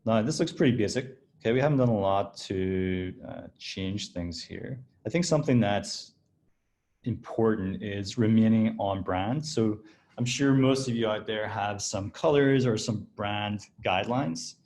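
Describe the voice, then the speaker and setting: Man, design director, casual screen-share demo voice, lowish pitch, easygoing and explanatory. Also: measured pace. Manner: relaxed, explanatory, with frequent restarts and fillers. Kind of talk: screen-share software walkthrough.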